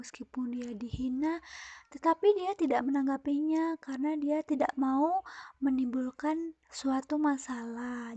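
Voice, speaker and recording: A woman's voice: high-pitched, dark tone, dry recording, lo-fi sound. A young woman teaching children in an online lesson, explaining patiently and asking them whether they understand. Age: young adult. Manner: explains patiently to pupils, asks them questions.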